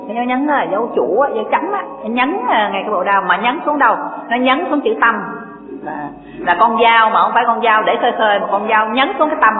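A Buddhist dharma teacher gives an unhurried sermon, asking rhetorical questions and reading scripture aloud. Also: medium pitch. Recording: echoey hall, tinny lo-fi line, faint music.

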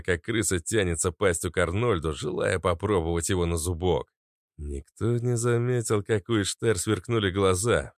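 Low-voiced male audiobook narrator. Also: dry recording, studio quality. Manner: even, measured reading. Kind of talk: scripted narration.

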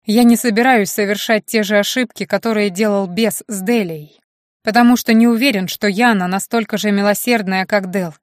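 A gruff male hunter from an audiobook, blunt and desperate, pleading for what he lost, as a woman reads him. The sound is dry and close, with no room around the voice. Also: medium pitch, fairly even intonation, normal speed, no echo, lightly acted.

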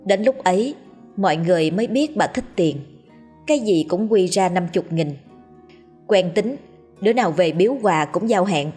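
A woman narrating a story in a measured, expressive reading. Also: fairly low pitch, slightly rough, faint music behind. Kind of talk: scripted narration of a ghost story.

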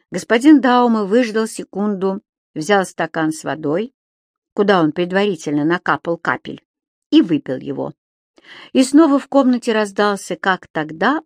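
A woman narrating a children's story in a measured, expressive storytelling manner. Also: on the low side, no room sound, studio quality. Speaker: audiobook narrator.

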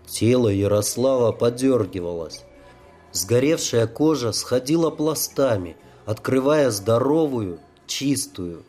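A man reading an audiobook in a slow, measured narration. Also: medium pitch, animated, darkish tone, soft background music.

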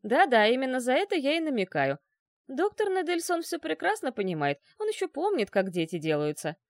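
A woman's voice: high-pitched, big pitch swings, a little fast, dry recording, studio quality, voice pushed up. A woman voicing a fussy, chattering middle-aged male doctor who talks in a wheedling way.

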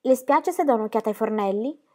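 A woman reader voicing a prim middle-aged mother in a storybook, polite but reproving. Her voice is lifted a little higher than the narration. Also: expressive, brisk, darkish tone. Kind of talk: audiobook reading.

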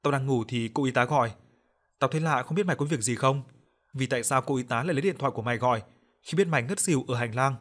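A man plays a talkative young woman, the heroine's best friend, in a horror audiobook. She speaks bluntly and briskly, scolding and teasing in the same breath. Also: mid-range voice, a bit bright, close to an everyday voice.

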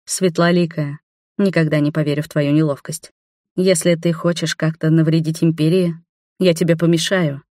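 A woman's voice: deep voice, level tone, normal speed, warm tone, no room sound, clean studio sound, lightly acted. A woman voicing a proud, loyal female palace servant who speaks bluntly and formally, in an audiobook. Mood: stern.

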